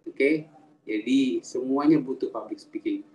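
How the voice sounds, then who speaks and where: A man giving a casual, animated public speaking talk in a live webinar, asking the audience questions and reading their chat comments aloud. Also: mid-range voice, measured pace, a little hiss or hum. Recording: roomy sound, mic at a distance, faint ambience.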